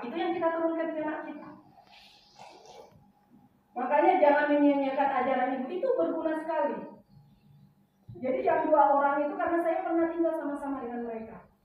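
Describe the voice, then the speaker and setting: A woman's voice: high voice, brisk, long pauses, phone-quality sound, a little hiss or hum. Woman preacher, chatty and questioning, recorded from afar in a very echoey church hall. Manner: chatty, storytelling, asks the audience questions. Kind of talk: sermon. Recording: echoey hall, mic far off.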